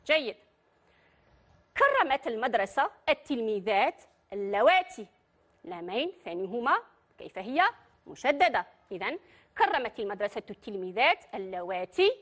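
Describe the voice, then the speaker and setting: Algerian woman teacher, high voice that jumps around a lot, quizzing the kids patiently. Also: fairly bright tone. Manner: patient, addresses pupils directly and asks them questions. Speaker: primary school teacher. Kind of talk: Arabic grammar lesson for children.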